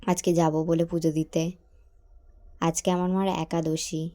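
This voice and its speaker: A young woman from chats straight to her viewers as a casual vlogger. Her voice sits a little low and flat, with a mellow, dark tone. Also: a little slow. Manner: chatty, talks straight to viewers. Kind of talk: casual vlog narration.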